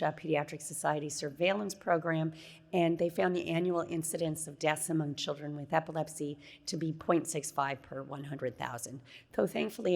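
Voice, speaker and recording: A middle-aged woman, a child neurologist, giving a conversational conference talk while losing her voice, hoarse and gravelly. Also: low voice. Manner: conversational, many fillers.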